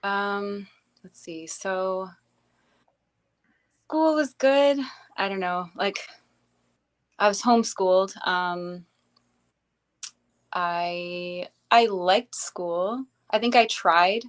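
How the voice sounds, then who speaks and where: A young woman, a guest in an interview, telling her life story in a hesitant, casual way with many pauses and restarts. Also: mid-range voice, clean tone. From grew up in Bangladesh, later Canada.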